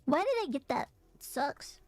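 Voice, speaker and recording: High-pitched, froggy, congested woman streamer. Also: big pitch swings, no echo, soft background music. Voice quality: phlegmy, froggy, rattly chesty voice. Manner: halting, hesitant, trailing phrases. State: congested from allergies. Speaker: vtuber streamer. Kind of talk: casual livestream chat.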